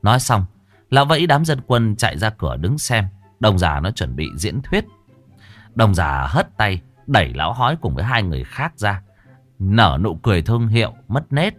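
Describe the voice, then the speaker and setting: A man narrating a comic folk tale in a lively, colloquial way. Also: fairly low pitch, moderate pace, faint music behind. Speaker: storyteller.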